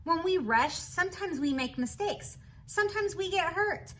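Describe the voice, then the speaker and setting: Her pitch is extremely high and her speed normal as this woman reads a picture book to children. As a storybook reader, she's expressive, encouraging and teacherly, slipping in chatty asides and questions for the listener.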